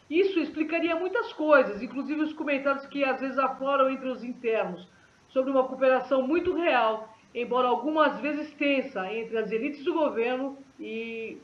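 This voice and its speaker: A man co-hosting a paranormal talk show, speaking conversationally with fillers and small restarts. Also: very high-pitched. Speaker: co-host. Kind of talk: casual talk-show commentary. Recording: dull, roomy recording.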